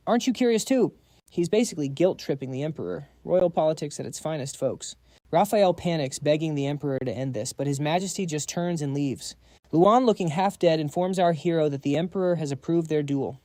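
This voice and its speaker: A man's voice: a little high, warm tone, dry recording, studio quality. A man narrating a scripted story recap, dropping quips to the audience.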